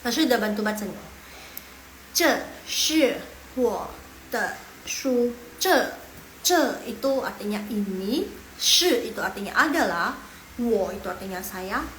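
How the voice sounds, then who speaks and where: A woman's voice: medium pitch, lively intonation, fairly quick, a bit bright, reverberant, a little hiss or hum, low-quality recording. A young woman from Medan with a Medan accent, teaching a casual online Mandarin lesson, encouraging and drilling tones aloud. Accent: Medan Indonesian. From Medan, Indonesia. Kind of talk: live online language lesson.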